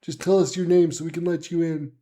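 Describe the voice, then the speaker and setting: A man's voice: fairly high pitch, steady tone, a little fast, warm tone, lightly acted. A man voicing a stern, impatient armored guard calling down from a city wall. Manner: formal, impatient.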